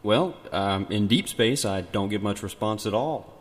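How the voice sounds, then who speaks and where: A man's voice: fairly low pitch, a little slow, voice pushed down. A man playing a cocky, crude spaceman musician from the future, his voice run through a tinny metal-can filter, in a comic self-interview. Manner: boastful, swaggering, crude.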